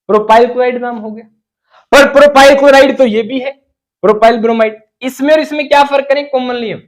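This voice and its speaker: A man's voice: very high voice, low-quality recording. A man teaching chemistry as a lecture. He asks the class questions and then answers them himself, and he drops English terms into his explanations.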